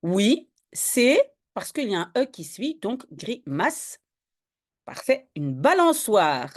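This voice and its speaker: A woman's voice: mid-range voice, very animated, slow. A woman tutoring a student in French spelling, patiently explaining each word step by step. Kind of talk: one-on-one spelling lesson.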